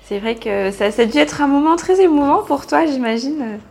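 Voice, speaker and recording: A woman interviewing a guest in a relaxed chat, halting often with fillers and laughing lightly. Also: high-pitched, gravelly. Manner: hesitant, many fillers, friendly laughs.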